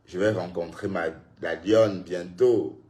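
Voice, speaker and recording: A man with a somewhat low voice talks casually on a live stream. He scolds a critic head-on and turns to his viewers between points, sounding tired from his day. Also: fairly even intonation, slow, mellow.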